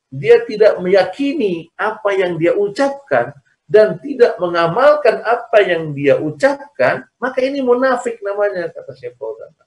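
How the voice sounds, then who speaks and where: Man, online religious lesson, fairly high voice, echoey distant video-call audio. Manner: explains by repetition, asks "ya kan?". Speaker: Islamic teacher. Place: recorded over a video call.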